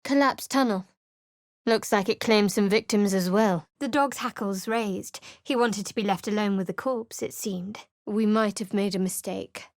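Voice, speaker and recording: An actress voices a guarded, sardonic young woman cleric in video game character lines, delivering them dry and wry. Her mid-range voice is a little slow and close to an everyday voice. The close studio mic gives a sound without echo.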